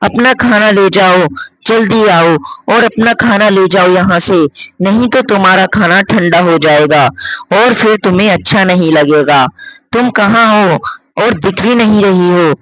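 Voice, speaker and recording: A man's voice: high-pitched, a little slow, a bit bright, slight background noise, rough recording. A man doing a frightened young woman. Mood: calling out. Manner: anxious, exclaiming, questioning. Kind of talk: cartoon story voice acting.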